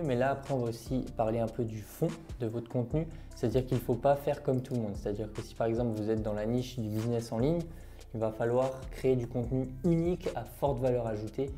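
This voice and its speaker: A young man with a French accent walks viewers through a tutorial with a very dark, mellow tone. He keeps pausing on fillers and asks himself questions before he answers them. Faint music plays under his voice. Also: mid-range voice. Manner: explains step by step with frequent fillers and rhetorical questions. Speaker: online marketing creator. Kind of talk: screen-share tutorial talk.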